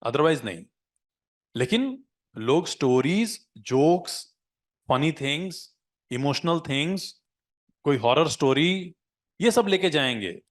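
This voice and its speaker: A man teaching a live class, mixing Hindi with English phrases and often checking in with the students. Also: fairly high pitch. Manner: coaching, asks "है ना?" to check in.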